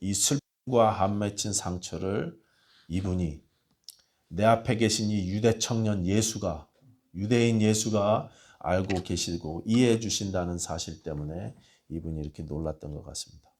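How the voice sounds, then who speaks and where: A man preaching a sermon as pastor in a church, telling the story with rhetorical questions and moving between hushed and raised emphasis. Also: low-pitched, moderate pace.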